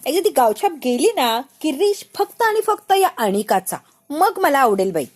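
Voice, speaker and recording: A woman's voice: high voice, big pitch swings, normal speed. A woman voicing a spoiled young woman who plays sweet and innocent while scheming, in a coy, babyish way of talking.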